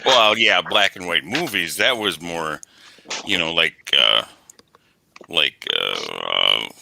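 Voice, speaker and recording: Man, low pitch, sharp forceful tone, lisp, rambling casual co-host, self-correcting. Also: lively intonation, slow pace, vocal fry, slight background noise. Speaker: talk show co-host. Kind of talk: casual chat.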